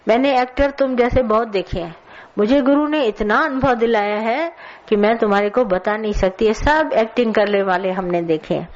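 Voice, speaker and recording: A woman's voice: on the high side, normal speed, highs cut off. A woman giving a colloquial spiritual sermon, scolding and telling stories to her listeners. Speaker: spiritual teacher. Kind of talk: satsang sermon.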